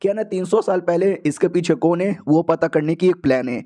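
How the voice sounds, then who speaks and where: A man's voice: high voice, fairly quick, dark tone, lightly acted. A man voicing a scheming, bossy old grandfather in a casual, slangy way.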